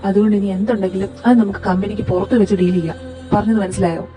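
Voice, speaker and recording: A woman performing every role in a fan audio drama, in a lively, teasing and quarrelsome way. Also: mid-range voice, very fast, soft background music. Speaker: voice actor reading all parts.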